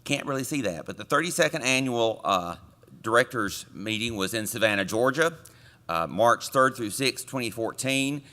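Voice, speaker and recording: A man chairing a committee, delivering a conference report from a podium microphone with relaxed joking asides to the audience. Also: mid-range voice, normal speed. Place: conference meeting room.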